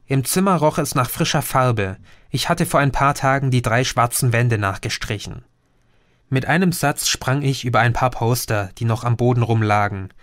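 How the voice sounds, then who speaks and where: A man reading a first-person audiobook in measured scripted narration. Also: mid-range voice, fairly bright tone, no room sound, studio quality. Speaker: audiobook reader.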